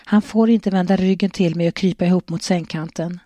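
A woman's voice: lowish voice, steady tone, dark tone, dry recording, natural voice. A woman reading a resigned, longing wife.

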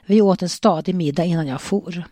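A woman's voice: on the low side, dark tone, dry recording, studio quality, lightly acted. A woman reading a reserved, closed-off husband. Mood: subdued. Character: reserved adult husband, quiet, emotionally closed.

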